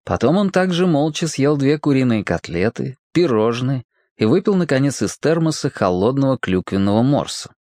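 Lively storybook narrator. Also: mid-range voice, normal speed, dry recording, clean studio sound. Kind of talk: reading a children's story aloud.

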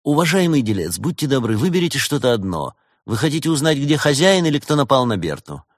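A man voicing a clever male fox detective in a storybook reading, teasing and measured as he explains. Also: medium pitch, big pitch swings, no room sound, studio quality, pitched above the performer's own voice. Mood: playful.

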